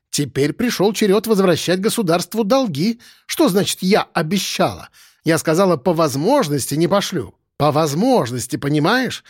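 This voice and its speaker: A man voicing a bossy, loud middle-aged woman who runs a factory department and scolds her staff, read as an audiobook character. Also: high-pitched, no room sound, clean studio sound, voice pushed up. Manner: barking, scolding, domineering.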